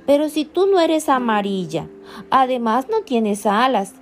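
A woman voicing a small lonely young male bird with a high, pleading, childlike voice in a storybook reading. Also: lively intonation, a little slow, slight background noise. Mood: hopeful.

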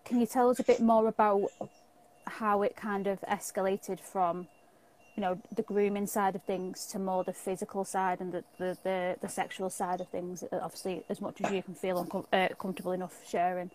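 A woman's voice: medium pitch, flat delivery, moderate pace, a little mellow, low-quality recording. A British woman hosting a casual interview in a chatty, informal way over a video call. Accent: British English. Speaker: interview host. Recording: clearly audible background noise.

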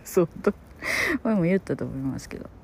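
Kansai-accented woman for a chatty storytelling monologue; low, gravelly voice. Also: brisk, a little hiss or hum. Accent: Kansai Japanese. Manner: animated, chatty, laughs often, drops to soft murmurs. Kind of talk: casual personal storytelling monologue.

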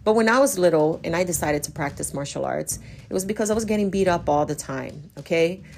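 A woman from Brazil in her forties, a native Portuguese speaker, chats through a solo podcast with a low voice. She talks in a lively, chatty way and restarts her phrases as she goes. A faint hiss sits under the recording. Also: fairly quick, gravelly. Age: 40s. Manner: chatty, animated, self-correcting. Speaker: podcast host.

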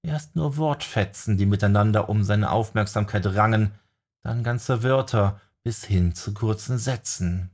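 A man reading a dark fantasy story aloud in measured, dramatic narration. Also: on the low side. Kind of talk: scripted audiobook narration.

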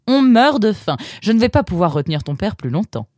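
A man voicing a bustling mother in a storybook, brisk and fussing. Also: sits high, very animated, a little mellow, no echo, clean studio sound, voice pushed up.

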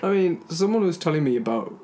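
Fast-talking young man. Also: a little high, lively intonation, a little mellow. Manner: rambling, hesitant restarts. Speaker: podcast co-host. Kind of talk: casual chat.

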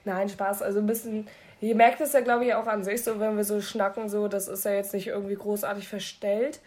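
A woman's voice: mid-range voice, little pitch movement, brisk, darkish tone. A young woman, co-hosting a casual podcast chat, joking and rambling with frequent giggles. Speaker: podcast co-host.

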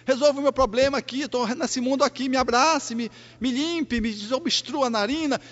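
A man voicing a wailing newborn baby who demands to be held and cleaned, in a high crying plea. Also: normal speed, a bit bright. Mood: pleading. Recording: reverberant hall, dull lo-fi sound.

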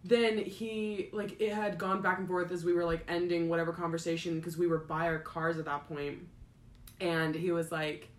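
A woman's voice: fairly low pitch, little pitch movement, normal speed. Chatty young woman in an echoey room. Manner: rambling storytelling, many fillers. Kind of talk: casual chat.

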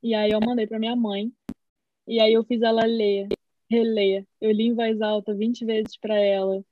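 Woman podcast co-host, rambling animated storyteller, a bit high, dry muffled sound. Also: normal speed, no room sound. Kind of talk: casual chat.

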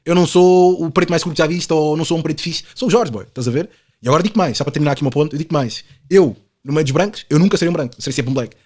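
Racing along in a slightly mellow, high-leaning voice, this podcast guest rambles casually. He's in his twenties, has a European Portuguese accent, and peppers his Lisbon slang with fillers and tag questions.

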